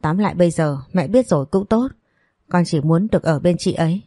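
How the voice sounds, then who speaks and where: A defiant young man pleads and pushes back in a low, dark voice, as a woman reads his lines in a storybook drama. The voice is dry and close to the mic. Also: a little fast, no echo, close to an everyday voice. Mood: defiant pleading. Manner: pleading, then gritting out words.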